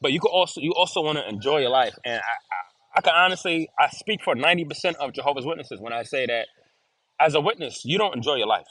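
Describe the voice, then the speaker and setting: Casting: earnest man, casual chat guest, voice a touch high, dry close sound. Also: lively intonation, quick pace, fairly bright tone, no room sound. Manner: earnest, repeats himself, restarts phrases. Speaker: interview guest. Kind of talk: casual video-call chat.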